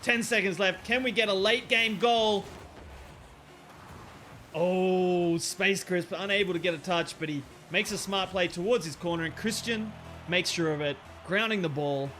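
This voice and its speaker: A man casting an online car-soccer match with excitable play-by-play commentary, breaking into laughter and jumping up on near misses. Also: high-pitched, measured pace, a little hiss or hum. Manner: excitable, laughs at plays, rises sharply on chances. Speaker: esports caster.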